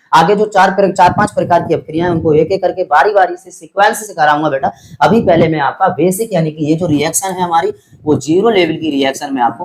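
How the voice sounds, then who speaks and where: A man with a fairly high pitch teaches chemistry in poor audio with slight background noise. His explanations move step by step, and he patiently restates his points while calling the students "beta" and checking that they understand. He takes formulas slowly, spelling them out.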